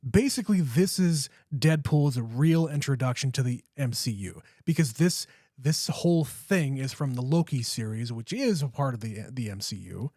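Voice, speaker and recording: A man's voice: mid-range voice, dark tone, no room sound, studio quality. A man in his late thirties co-hosting a podcast, chatting casually, swearing freely and restarting his sentences. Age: 30s. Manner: profane, enthusiastic, stammering restarts. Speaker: podcast co-host. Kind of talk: casual chat.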